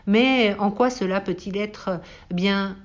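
A woman reading aloud and voicing a gentle, curious little boy prince who talks in an earnest, questioning way. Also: medium pitch, slow pace, muffled recording, close to an everyday voice.

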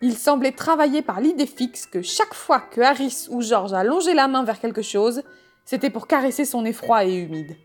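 A woman with a fairly high voice narrates a comic novel in a measured, wry manner. Soft music plays faintly underneath. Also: expressive. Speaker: audiobook reader. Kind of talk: scripted narration.

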